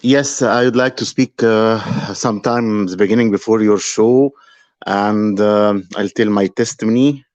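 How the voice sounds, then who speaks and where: Egyptian guy, arabic accent, lowish voice, lots of ums and restarts, flat dry muffled audio. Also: dry recording. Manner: halting, full of fillers and restarts. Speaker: guest. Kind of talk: casual live-stream conversation. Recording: dry, dull call audio.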